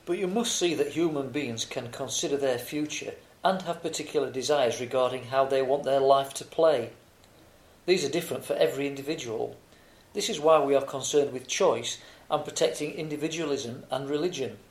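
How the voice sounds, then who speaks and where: In a scripted, argumentative exam discussion, a man plays an earnest, formal debater arguing against animal rights. His medium-pitched voice moves at a moderate pace and is lightly acted. The recording sounds roomy and echoing.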